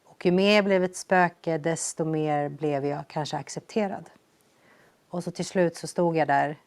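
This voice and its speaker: A young woman with a low voice telling her own life story in an earnest, reflective way, raising her energy when she re-enacts quoted lines. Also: darkish tone, no echo. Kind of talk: personal storytelling testimony.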